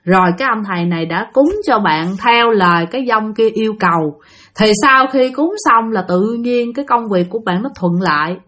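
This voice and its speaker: A woman's voice: mid-range voice, normal speed, fairly bright tone. A woman telling listener-sent ghost stories in a chatty way, addressing her audience directly. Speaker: storyteller. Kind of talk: casual ghost story narration.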